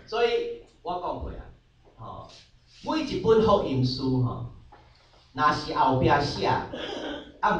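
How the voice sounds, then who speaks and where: A man's voice: fairly high pitch, fairly bright tone. A man leading a conversational Bible study class, slipping English terms into his explanations and answering students. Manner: sprinkles English terms into his talk, frequent filler particles. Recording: very echoey room, voice from far off, faint background hum.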